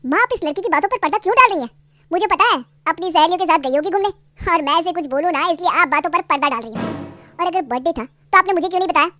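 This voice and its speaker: A woman voicing an arrogant young husband who talks in a loud, bossy, mocking way in a storybook cartoon. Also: very high-pitched, fast, no room sound, faint music behind. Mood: angry.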